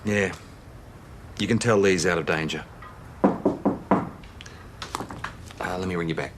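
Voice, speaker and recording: A calm Australian police detective with a very low voice and a casual, reassuring manner. It is TV drama with loud noise in the background. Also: male voice, takes it slowly. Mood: businesslike. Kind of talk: naturalistic television drama acting.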